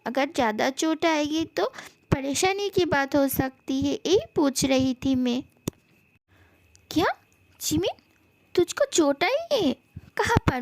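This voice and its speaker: A woman's voice: high-pitched, creaky, no room sound. A woman reading a fan love story aloud, giving every character's lines in much the same voice.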